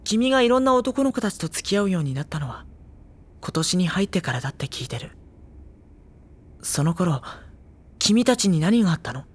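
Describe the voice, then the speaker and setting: In a Japanese audio drama, an actor voices an earnest, brooding teenage schoolboy, questioning and narrating with dramatic pauses. His male voice is high, and the mood is pressing and troubled.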